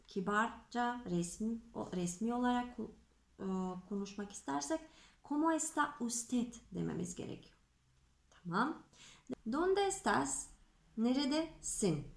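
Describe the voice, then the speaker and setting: A woman teaching Spanish grammar to Turkish speakers, slow and patient, repeating examples and checking in with her students. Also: fairly high pitch, roomy sound. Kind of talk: explaining grammar to Turkish learners.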